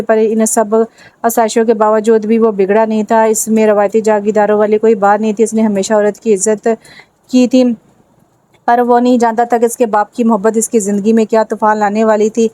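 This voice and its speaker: A woman narrating a novel in a steady, even read. Her voice sits slightly high but dark and mellow, with little melody, and the recording is dry and close. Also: no echo. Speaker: audiobook narrator. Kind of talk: novel reading aloud.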